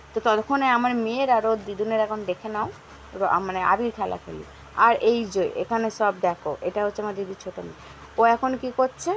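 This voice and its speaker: A woman vlogger in her thirties narrates over her footage in a chatty, direct way. Her voice is hoarse and sits a little high. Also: a little hiss or hum. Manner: chatty, addresses viewers directly.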